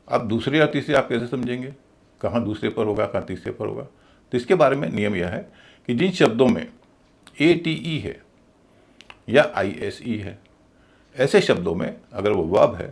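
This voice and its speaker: A man's voice: medium pitch, gravelly. A man teaching English pronunciation, patiently explaining step by step, spelling words out letter by letter and repeating key words. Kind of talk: explanatory video lesson.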